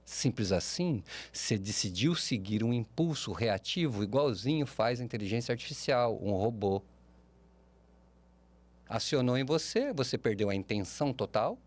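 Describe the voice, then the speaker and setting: Animated Brazilian man with lively pitch. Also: moderate pace. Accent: Brazilian Portuguese. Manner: animated, expressive pitch swings, frequent tag questions. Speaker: podcast guest, speaker and mentor. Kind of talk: podcast interview.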